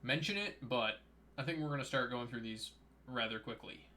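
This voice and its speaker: A man's voice: mid-range voice, moderate pace, pushed and bright. A man streaming live, chatting casually and reading card text aloud, while his voice is starting to give out. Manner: reads card text aloud in a plain running commentary. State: losing his voice.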